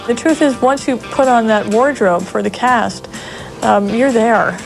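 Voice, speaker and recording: A woman in a casual interview, telling warm anecdotes about her castmates. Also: on the high side, a little slow, gravelly, over music, poor audio.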